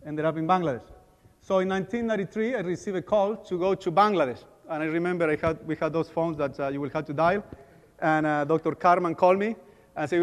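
Speaking in an echoey hall, a man with a slightly high voice delivers a conference talk with prayer. He's a dentist from Argentina, a native Spanish speaker, and his speech is halting with many fillers and restarts.

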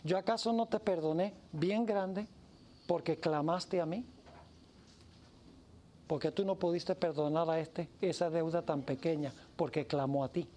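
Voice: mid-range voice, unhurried, dark tone, a little hiss or hum, pitched below the performer's own voice, natural voice. A preacher voicing a stern king who passes judgment, during a sermon. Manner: grave, commanding. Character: stern male king, judging a debtor.

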